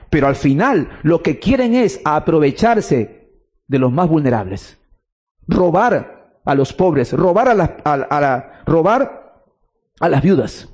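A man's voice: a little high, a little mellow, slightly rough. A man preaching a sermon with emphasis, repeating key phrases and putting questions to the listener.

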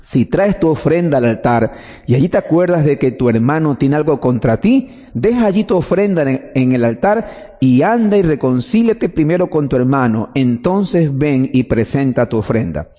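A man's voice: medium pitch, expressive, moderate pace, warm tone, big-room sound. A man preaching a teaching sermon, explaining step by step and answering his own questions.

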